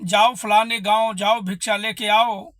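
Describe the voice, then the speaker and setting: A man's voice: high-pitched, flat delivery, unhurried, fairly bright tone, no echo, clean studio sound. A man voicing a stern elderly guru in a devotional story, giving commands. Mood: commanding. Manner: commanding, instructive.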